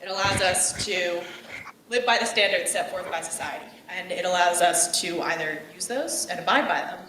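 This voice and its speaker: A young woman gives a personal talk on gender roles, her medium-pitched voice outgoing, loud, and direct. She sounds bold, picked up from a far-off mic in an echoey room with a little hiss or hum.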